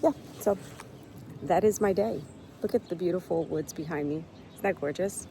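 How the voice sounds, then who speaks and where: A woman's voice: fairly low pitch, normal speed, warm tone, a little hiss or hum, low-quality recording. A middle-aged woman with a cold, chatting upbeat and straight to camera in a casual vlog. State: sniffly with a cold. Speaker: lifestyle vlogger.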